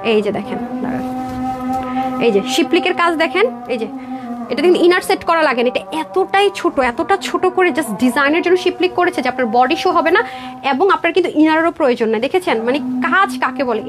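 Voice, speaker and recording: A woman from Bangladesh hosting a live online sale, talking viewers through dresses in a quick, persuasive patter. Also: sits high. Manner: rapid persuasive patter, addresses viewers as sister, mixes English words. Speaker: online clothing seller on a live stream. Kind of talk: live sales pitch. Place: indoor room with a door, modeling a dress.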